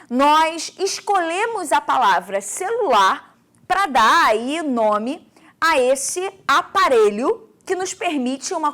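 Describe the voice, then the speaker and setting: A woman teacher with a Brazilian Portuguese accent gives a recorded video lesson. Her voice sits high and moves a lot in pitch. She explains at an unhurried, careful pace. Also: fairly bright tone.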